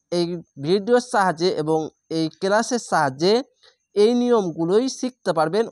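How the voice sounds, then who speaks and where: A woman teaching Quran reading in a step-by-step lesson. She spells out each letter, then draws out the recited word slowly. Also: fairly low pitch, no echo, studio quality. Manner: stresses throaty sounds by repeating them.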